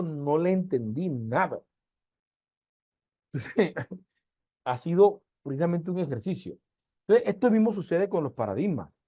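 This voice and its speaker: Colombian lecturer teaching an online class. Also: male voice, a little high, warm tone, dry recording. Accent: Colombian Caribbean coast, softened. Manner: explanatory, asks "¿sí?" often, with slow emphatic stretches. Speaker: university lecturer. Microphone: video call.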